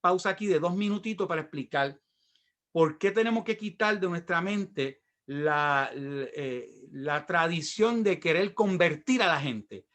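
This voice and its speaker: A man's voice: fairly high pitch, animated, a little slow, a bit bright. A middle-aged man with a Puerto Rican accent, a pastor telling his own story in a sermon and acting out the voices of the people in it. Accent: Puerto Rican Spanish. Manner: storytelling, acts out quoted voices. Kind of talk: sermon with personal testimony.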